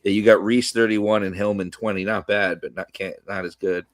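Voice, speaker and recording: A man co-hosting a sports podcast, rambling in casual chat with lots of restarts and fillers, slightly hoarse from coughing. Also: on the low side, fairly even intonation, moderate pace, no echo, clean studio sound. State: coughing today. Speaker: podcast co-host.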